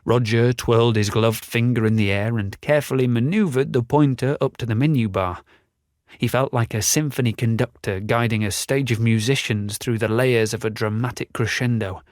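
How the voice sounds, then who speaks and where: A man narrating a fantasy audiobook in a measured, descriptive reading. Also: mid-range voice, darkish tone, no room sound, studio quality. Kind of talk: scripted narration.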